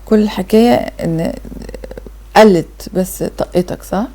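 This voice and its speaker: A woman's voice: medium pitch, moderate pace, dark tone. A woman with an Egyptian Arabic accent hosting a TV talk show, chatty and encouraging. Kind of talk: casual TV interview.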